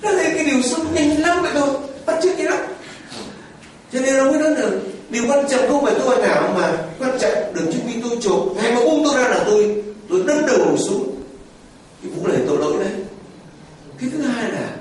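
Animated high-voiced priest in echoey church. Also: male voice, quick pace. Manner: animated, rhetorical questions, colloquial asides. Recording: echoey hall from far off, faint noise.

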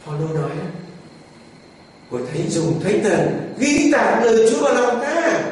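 High-voiced priest in a booming church. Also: male voice, darkish tone, a little hiss or hum. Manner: dramatic storytelling, acting out Bible scenes. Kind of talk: sermon. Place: large church. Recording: echoey church hall, distant mic, faint ambience.

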